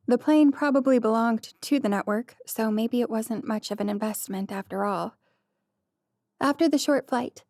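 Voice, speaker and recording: A woman reading a light-hearted romance audiobook, in an even storytelling manner, close to the mic. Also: on the high side, dry recording. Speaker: audiobook narrator. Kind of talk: scripted narration.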